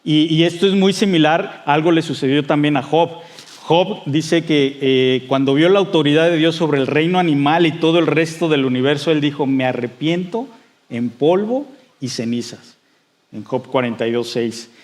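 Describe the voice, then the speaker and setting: A man preaches a sermon in a fairly high voice. He talks conversationally, with many fillers and restarts, and acts out the voices he quotes with rising excitement. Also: moderate pace. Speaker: pastor.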